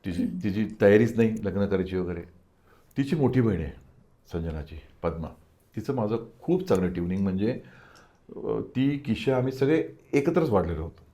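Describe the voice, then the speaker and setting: A man's voice: fairly low pitch, expressive, moderate pace, dark tone. An older man, an interview guest, telling a personal story and acting out the dialogue of the people in it.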